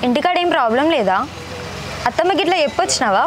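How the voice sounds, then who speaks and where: A woman's voice: sits high, sing-song, fast talker, very noisy. A young actress playing a village woman in love with a Telangana Telugu accent, speaking fondly. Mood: affectionate. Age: young adult. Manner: affectionate, fond. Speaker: young eloping bride. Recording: background music.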